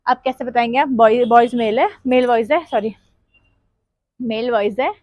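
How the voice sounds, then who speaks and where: A woman's voice: a little high, normal speed, no echo, dull audio. A woman teaching a dance class step by step, counting beats aloud and half-singing song lines as she demonstrates.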